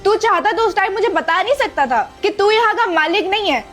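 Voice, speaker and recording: A woman's voice: extremely high pitch, expressive, brisk, fairly bright tone, faint music behind. A woman playing an arrogant young woman who insults and scolds a poor servant with contempt. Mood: scornful. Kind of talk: scripted skit acting.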